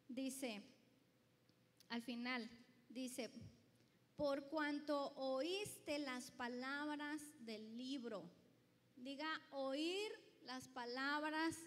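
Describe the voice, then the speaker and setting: Female preacher, sermon delivery, deliberate pace, big hall with long echo. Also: sits high, a bit bright. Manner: asks the congregation questions and reads scripture aloud. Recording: long reverb of a large hall.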